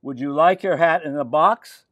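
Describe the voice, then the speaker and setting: A man's voice: a little high, normal speed, fairly bright tone, dry recording, natural voice. An older man voicing a courteous, formal hat shopkeeper in a storybook, near his own voice. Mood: grand.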